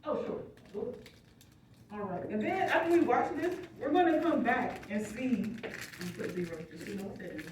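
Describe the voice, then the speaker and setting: A woman with a somewhat high, animated voice teaches a college class at a moderate pace, explaining step by step and repeatedly checking that students follow. The lecture was recorded on a faraway phone in an echoing classroom, with noise in the background.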